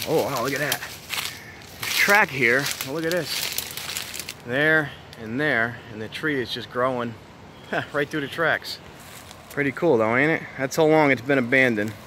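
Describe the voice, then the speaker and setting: Background noise accompanies a medium-pitched man, an urban exploration vlogger, as he strolls through a weedy abandoned site in the open air. Relaxed and conversational, he addresses viewers on the move and marvels at what he sees.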